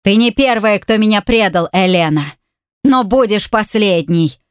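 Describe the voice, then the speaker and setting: A woman's voice: medium pitch, normal speed, no room sound, clean studio sound, lightly acted. A woman reading an audiobook voices a furious, brutal man who snarls threats and insults. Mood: menacing. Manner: snarling, menacing, shouting insults.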